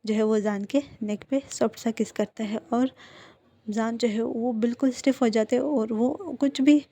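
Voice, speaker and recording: A woman's voice: fairly high pitch, fairly even intonation, normal speed, dark tone. Woman narrating a story casually. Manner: chatty, repetitive retelling. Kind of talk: casual fan-fiction narration.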